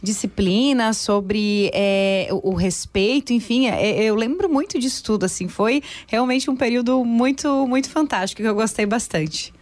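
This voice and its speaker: A woman's voice: a little high, moderate pace, few pauses. Chatty Brazilian woman radio host. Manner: conversational, chatty and affirming. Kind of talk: radio interview.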